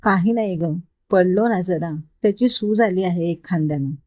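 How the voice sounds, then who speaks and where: A woman voicing a carefree young man who teases in a relaxed, mild way, in a storybook reading. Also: lowish voice, normal speed, close to an everyday voice.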